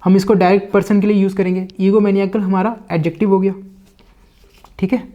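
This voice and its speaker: Indian male tutor, mellow, slightly muffled recording; reads English slowly, explains in Hindi. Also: sits high, level tone. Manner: reads English lines slowly, then explains in Hindi with many "ठीक है" fillers. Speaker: English vocabulary teacher. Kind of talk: Hindi-English lesson explaining a book line by line.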